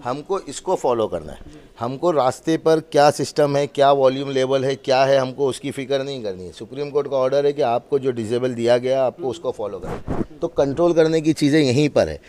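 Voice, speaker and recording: Showing off loudspeaker equipment for a mosque, a man speaks fairly quickly in a mid-range, slightly mellow voice, with a little hiss or hum in the audio. His explanation is emphatic, instructive and repetitive.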